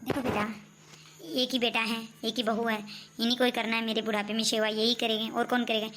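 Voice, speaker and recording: A woman plays a mild mother-in-law who keeps smoothing over family quarrels in a soothing way. Her voice is bright and sits somewhat high. There is faint hiss behind it. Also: flat delivery, a little fast, lightly acted. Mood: placating. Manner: soothing, placating. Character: gentle, placating mother-in-law, middle-aged woman. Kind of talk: amateur family skit.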